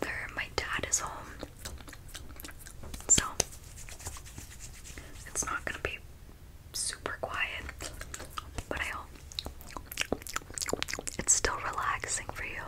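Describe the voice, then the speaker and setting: Female ASMR creator for whispered role-play: breathy, unvoiced, intimate personal attention with tingly mouth sounds. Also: slow, long pauses, poor audio. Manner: soft, intimate, casual chat to the viewer.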